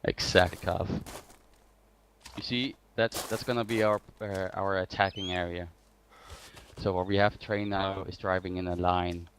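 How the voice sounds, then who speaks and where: A man's voice: low-pitched, flat delivery, measured pace, a bit bright. A man giving an informal tactical briefing as an instructor, hesitating and repeating points for emphasis. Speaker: instructor of armored vehicle drills. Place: online game voice chat. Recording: faint noise with clicks.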